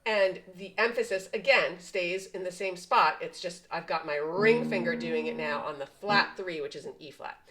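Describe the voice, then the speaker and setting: A woman's voice: fairly low pitch, normal speed, hardly any pauses, a loud crowd, rough recording. A woman teaching piano patterns step by step, patiently explaining and counting the beats aloud. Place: at a piano, indoors. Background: piano playing.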